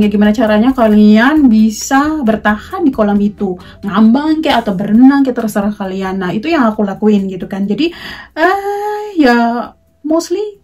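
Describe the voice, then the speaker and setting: A young woman from Indonesia chatting casually to her viewers as a vlogger, mixing in English words and pausing often on fillers. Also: fairly high pitch, warm tone. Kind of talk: casual talk to camera.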